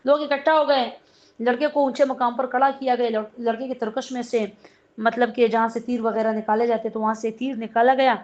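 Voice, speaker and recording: A woman's voice: fairly high pitch, flat delivery, a little mellow. A woman teaching a religious lesson on a surah, telling its story and explaining terms as she goes. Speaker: Quran teacher. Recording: dull lo-fi recording.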